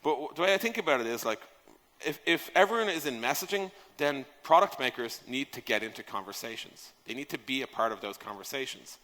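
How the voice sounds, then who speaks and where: With lively intonation and a sharp tone, a man with a mid-range voice talks fairly quickly about software product design at a conference. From the stage of a large hall, he's conversational and emphatic, asking rhetorical questions and swearing casually; the audio carries a long, echoey reverb.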